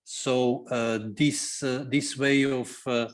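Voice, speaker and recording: Man in his forties, veterinarian guest, halting delivery, mid-pitched voice. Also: fairly even intonation. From Serbia. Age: 40s. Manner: halting, many fillers, non-native grammar. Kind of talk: podcast interview.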